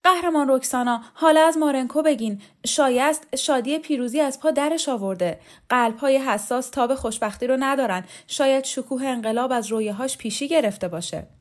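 A woman's voice: sits high, few pauses, voice pushed up, natural voice. A woman reader voicing a nervous young male student who speaks in flowery, overwrought phrases in an audiobook.

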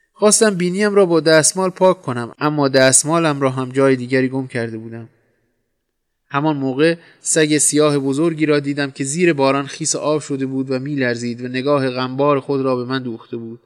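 A man's voice: mid-range voice, clean tone. Man narrating a wry story.

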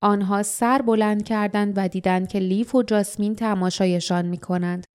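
Woman narrating an audiobook in a mellow voice. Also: medium pitch, fairly even intonation, clean tone. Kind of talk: scripted narration.

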